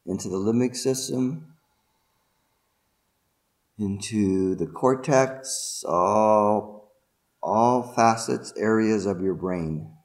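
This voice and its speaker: Speaking in short, spaced-out phrases, a man leads a ceremonial, deliberate guided meditation and spiritual invocation. His voice is lowish with a darkish tone.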